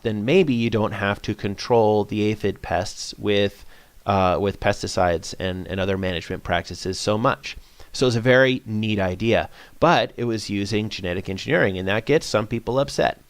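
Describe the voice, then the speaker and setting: A man presenting a science-communication webinar in a relaxed, conversational way, full of "uh" fillers and small self-corrections. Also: lowish voice, smooth, no room sound. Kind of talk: informal webinar talk.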